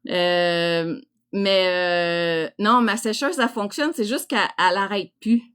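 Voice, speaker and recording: A woman's voice: mid-range voice, slow pace, a bit bright, clear, resonant tone. A middle-aged woman with a Québécois French accent, chatting casually and bluntly as a livestream host, with crude, teasing colloquial talk. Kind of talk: casual live chat reacting to viewers.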